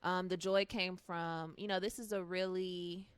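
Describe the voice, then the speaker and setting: A woman's voice: lowish voice, steady tone, unhurried, clean tone, no room sound. A woman guest, a singer, telling stories in a casual interview, chatty and full of fillers and acted-out quotes.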